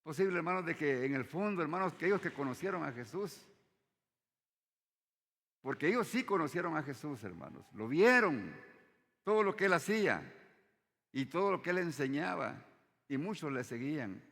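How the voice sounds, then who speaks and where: A man preaching a sermon, often addressing the congregation as brothers and dropping his voice low at the end of phrases. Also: sing-song, moderate pace, pauses often, fairly bright tone. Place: church hall. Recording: long hall reverb.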